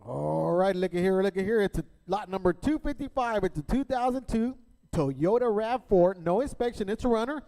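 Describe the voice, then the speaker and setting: Guy reading out auction lots in short bits, high but warm voice, really echoey hall. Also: expressive, moderate pace, vocal fry. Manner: short, clipped item-by-item statements. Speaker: auction lot announcer. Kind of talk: announcing vehicle listings. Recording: echoey hall with long reverb.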